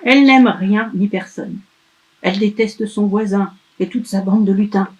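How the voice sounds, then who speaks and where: A woman narrating a children's picture story aloud in an expressive, emphatic way. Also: medium pitch, moderate pace, background noise.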